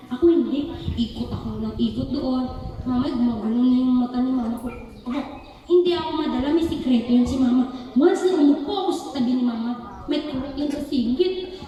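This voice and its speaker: Lady preaching, high warm voice, chatty, talks to the church folks a lot, super echoey hall. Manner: conversational, mixes in English, keeps addressing the congregation. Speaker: lay preacher. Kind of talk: sermon. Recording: echoey hall, recorded from far off.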